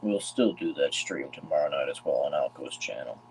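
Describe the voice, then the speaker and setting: A man with a very deep, gravelly voice, chatting casually and thinking aloud while he works on models during a livestream. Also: expressive, moderate pace, a little mellow, slight background noise, poor audio. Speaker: livestream host building model trains. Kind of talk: casual chat while working.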